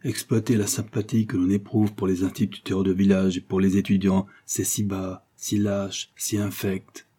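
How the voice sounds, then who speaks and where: A man's voice: fairly low pitch, moderate pace, warm tone, husky. A man voicing an indignant lawyer who scolds a beggar sharply. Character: indignant male lawyer, stern, moralizing.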